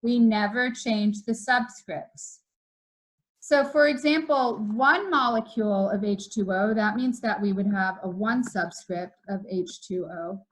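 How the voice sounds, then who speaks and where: A woman's voice: mid-range voice, measured pace, rough recording. A young woman teacher explaining step by step in a recorded video lesson, repeating the key rules for emphasis.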